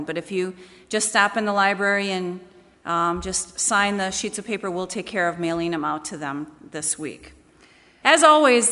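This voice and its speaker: During announcements and prayer, a woman church leader addresses her congregation plainly and conversationally. Her mid-range voice is a bit bright, and the large church meeting hall gives an echoey sound with long reverb.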